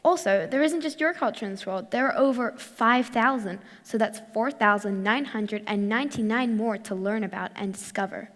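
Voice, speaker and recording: A woman's voice: fairly high pitch, normal speed, hardly any pauses, fairly bright tone, in a large hall. Teenage girl giving a rehearsed talk. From Morocco and Australia. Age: teens. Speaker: youth speaker. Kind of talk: prepared talk on stage. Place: large hall.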